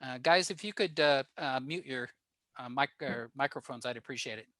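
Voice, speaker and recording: An older man with an American accent, a guest presenter at a radio club, gives an informal technical presentation over a video call, explaining things plainly. His voice is medium-pitched and sharp at a moderate pace, with no room sound.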